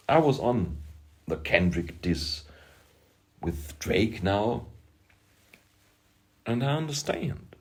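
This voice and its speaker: A man from Austria with an Austrian German accent, a German speaker, making an emphatic vlog monologue about hip-hop, halting with self-deprecating asides. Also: low-pitched. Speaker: music producer and rapper.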